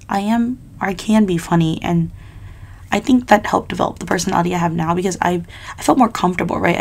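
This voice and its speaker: A woman's voice: on the low side, vocal fry, darkish tone. A young adult woman vlogger chatting casually and giving personal advice in an informal, rambling, confiding way.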